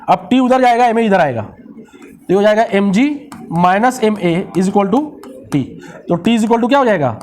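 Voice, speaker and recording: A man's voice: high voice, darkish tone, a little hiss or hum. A man teaching a physics lecture with a Marathi-influenced Hindi accent. He mixes English technical terms into his speech, asks the class questions and answers them himself.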